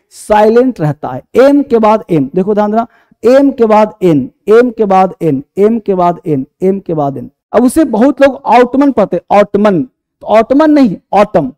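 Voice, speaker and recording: High-voiced man teaching a class. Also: warm tone. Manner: quizzes the class and answers his own questions, repeats each point; calls students by affectionate terms. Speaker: English teacher. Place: classroom with students.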